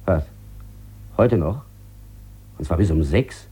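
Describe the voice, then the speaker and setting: An actor playing a desperate, sick gambler in debt, pleading and stammering on the phone in a 1950s radio play. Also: male voice, low voice, expressive, slow, dark tone, slightly rough, exaggerated voice. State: feverish. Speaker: lead character in a radio drama.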